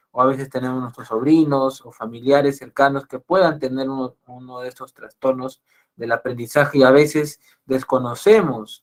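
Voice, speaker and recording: A Peruvian psychologist giving an online lecture to an audience, often repeating and restarting his phrases. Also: medium pitch. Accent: Peruvian Spanish. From Peru. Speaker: psychologist giving a webinar talk.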